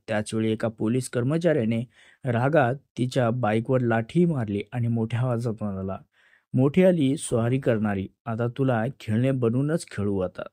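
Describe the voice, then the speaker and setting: A man narrating a dramatic story in a steady storytelling manner. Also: mid-range voice, no room sound, clean studio sound.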